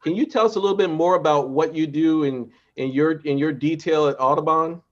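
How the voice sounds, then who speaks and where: A man's voice: fairly high pitch, brisk, highs cut off. Man hosting a virtual bird walk. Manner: relaxed, reflective, many fillers. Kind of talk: casual moderating.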